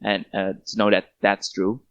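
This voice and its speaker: A man's voice: fairly low pitch, flat delivery, moderate pace, a bit bright, dry recording, highs cut off. A young man co-hosting a casual podcast, talking with many fillers and restarts. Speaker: podcast co-host.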